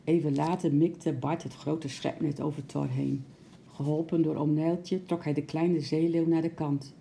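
A woman narrating a children's story aloud in a gentle, expressive way. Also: deep voice, unhurried, vocal fry, a little hiss or hum.

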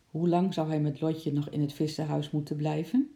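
A storyteller reading a children's story aloud in an expressive way. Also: mid-range voice, moderate pace, vocal fry.

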